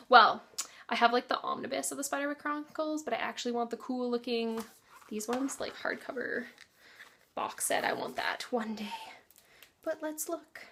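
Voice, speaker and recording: A young woman vlogging casually about books, chatty and rambling, often trailing off into soft whispered asides. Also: high-pitched, vocal fry. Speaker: book vlogger. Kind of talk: casual chat.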